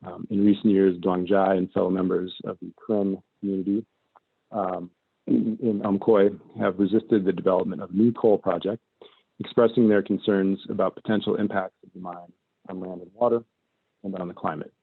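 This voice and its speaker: Deep, gravelly man, panel moderator, steady with plenty of ums, thin dry phone-like call audio. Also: no echo. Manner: measured, many ums and uhs. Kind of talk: online panel discussion.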